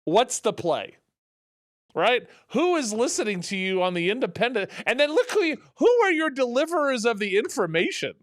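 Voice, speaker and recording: Talk host, male, high lively voice, sarcastic rambling rant, dry studio sound. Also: a little fast, hardly any pauses, no echo. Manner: animated, rambling, sarcastic, with many restarts. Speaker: radio talk show host. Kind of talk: opinionated political talk.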